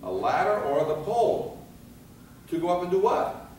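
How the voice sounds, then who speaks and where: A high-pitched, sing-song, slightly mellow male voice at a moderate pace belongs to a fire safety instructor addressing firefighters live. He asks the group questions and answers them himself, acting out scenes in different voices along the way. Sound is echoey and distant, with some noise in the background.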